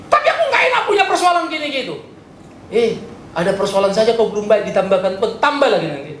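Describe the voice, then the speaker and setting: Animated male pastor in a roomy hall. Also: creaky. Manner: animated, swinging from soft asides to loud high exclamations; chatty, joking, mixes in English words. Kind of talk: sermon. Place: church hall. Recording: roomy church hall, faint noise.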